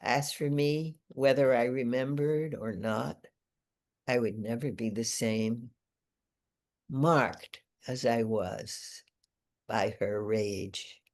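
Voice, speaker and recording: A woman, the featured poet, reading her own poetry aloud in a measured, deliberate way. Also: very deep voice, steady tone, darkish tone. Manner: slow, deliberate, measured delivery.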